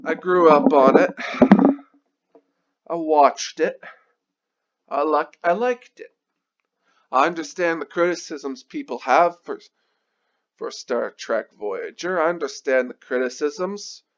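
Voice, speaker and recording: A man's voice: a little high, slow pace, pauses often. A man giving an angry, sweary movie review, repeating himself as he rants. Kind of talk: ranting video review. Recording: dull lo-fi recording.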